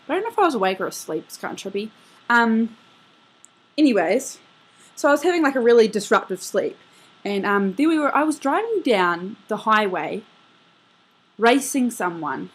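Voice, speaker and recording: A woman's voice: medium pitch, low-quality recording. A young woman in a casual video message, rambling through a dream story with lots of "like" and fillers. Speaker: vlogger.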